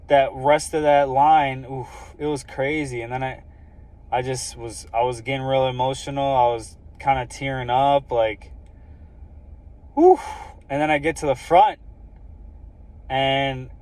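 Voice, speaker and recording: A man's voice: mid-range voice, a little mellow, dry recording. A young man casually telling a personal story in an earnest, rambling way, full of "like" and "um" fillers. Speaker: vlogger sharing a personal story.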